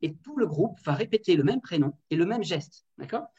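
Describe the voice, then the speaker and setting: Lively woman leading an online workshop. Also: lowish voice, fairly quick, breathy edge, muffled recording. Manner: lively, directive, many fillers and checks. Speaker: teacher trainer. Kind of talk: online workshop on classroom activities. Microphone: computer mic on a video call. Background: building works next door.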